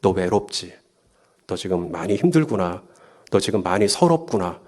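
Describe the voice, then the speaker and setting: A male pastor voicing a gentle, comforting man in a soft, hushed, tender tone during a sermon. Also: low voice, sing-song, normal speed, pitched below the performer's own voice.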